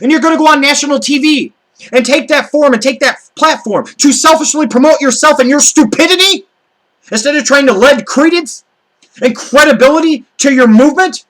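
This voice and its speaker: A man's voice: very high-pitched, a little fast, fairly bright tone, rough recording. An American man delivering an angry, profane political rant to camera, stressing his words heatedly. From United States. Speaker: video blogger.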